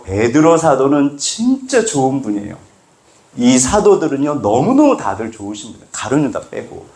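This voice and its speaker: Brief: a male pastor preaching with lively pitch swings and the ring of a church hall. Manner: animated, acts out scripture quotes. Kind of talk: sermon. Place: church sanctuary.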